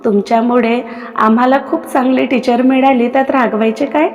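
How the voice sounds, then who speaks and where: Audio story: a woman voicing a smug, powerful young man with a teasing streak, high voice, reverberant sound. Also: fairly even intonation, moderate pace, darkish tone, dull audio, close to an everyday voice.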